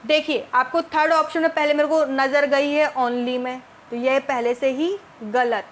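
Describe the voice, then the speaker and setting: A little hiss or hum sits behind this woman teacher's high, somewhat bright voice, which keeps a fairly even intonation. In an exam-prep lesson, she reads English multiple-choice options slowly and explains them in Hindi, asking her students rhetorical questions.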